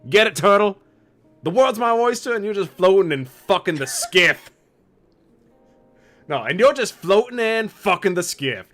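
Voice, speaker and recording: A brash, swaggering female thunder bird creature with a New Jersey accent, as a man puts her on. She is crude and boastful, and her voice swings widely and brightly in pitch. Light music plays behind her. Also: full character voice.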